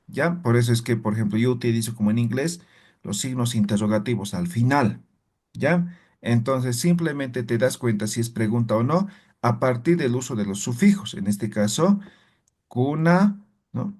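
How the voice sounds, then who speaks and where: A man's voice: mid-range voice, lively intonation, moderate pace, a little mellow. A man teaching a language class, explaining step by step and checking in with frequent tag questions. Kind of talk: classroom lesson.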